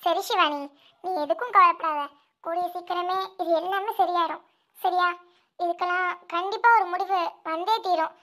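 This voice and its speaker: Fan audio drama: woman doing a comforting young female friend, gentle and reassuring, very high voice. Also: steady tone, normal speed. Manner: soothing, reassuring.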